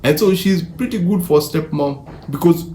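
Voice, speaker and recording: An African man reviews films casually in an echoey room with faint background noise. His voice sits a little high, with a warm tone and normal speed, and he's enthusiastic and emphatic, repeating words mid-sentence.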